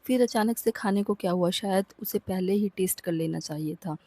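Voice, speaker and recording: Woman telling a love story, lively narration, dry close mic. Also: mid-range voice, moderate pace, no room sound. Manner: lively, acts out characters' lines. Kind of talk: scripted story narration with voiced dialogue.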